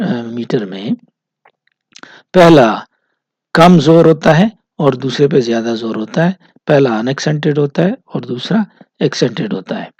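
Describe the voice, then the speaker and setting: Slow, hesitant male lecturer. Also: on the high side, darkish tone, breathy edge, no room sound. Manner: slow, explanatory, with many hesitations. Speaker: literature lecturer. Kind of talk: recorded classroom lecture. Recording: dull, dry lo-fi recording.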